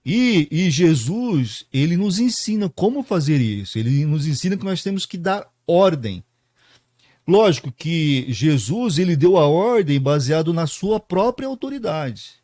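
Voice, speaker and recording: A man preaching, his pitch rising and falling in a lively, animated way. His tone is warm and mellow, a little higher than most men's. The sound is dry and close. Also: unhurried, no room sound. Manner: explains verse by verse with frequent "né?" tags and rhetorical questions. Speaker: pastor. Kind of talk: sermon explaining a Bible passage.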